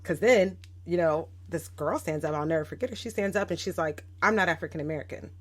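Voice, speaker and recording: A woman in her thirties with a low voice tells stories from her own life on a casual podcast. She sounds reflective and livens up when she acts out what other people said. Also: quick pace, husky. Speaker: guest educator.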